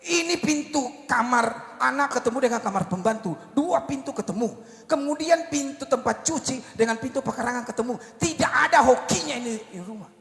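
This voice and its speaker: A man's voice: very high-pitched, expressive, a little fast, gravelly, fairly bright tone, full character voice. A man quoting a snide guest who mocks a house as unlucky, in a sermon story, in an echoey hall. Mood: sneering. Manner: sneering, dismissive.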